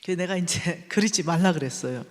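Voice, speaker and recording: A woman's voice: fairly low pitch, lively intonation, fast talker, long reverb tail. A middle-aged woman giving a testimony sermon at a church revival meeting, telling her story animatedly and acting out the voices of others. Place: church sanctuary.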